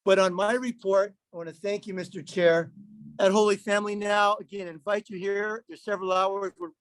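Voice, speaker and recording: A man's voice comes through a remote call that keeps breaking up, pitched high for a man and sounding dry. He gives a councilmember's report to a public meeting. He often repeats himself and stops to ask whether anyone can hear him. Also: no room sound, low-quality recording. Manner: repeats himself, checks if he is heard. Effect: remote call audio breaking up. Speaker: city councilmember.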